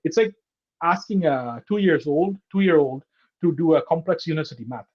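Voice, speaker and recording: Teaching a live online computer class over a video call, a man speaks at a normal speed in a fairly high, animated voice with a darkish tone. He explains step by step and keeps checking in with "okay?" and "right?", and his laptop or headset mic sounds muffled.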